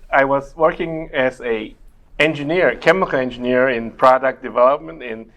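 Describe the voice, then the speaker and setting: Answering interview questions in a community TV studio, a middle-aged immigration attorney who grew up speaking Mandarin Chinese takes a measured approach. He walks through points step by step, frequently pausing with "uh" to think, in a mid-range, slightly bright voice.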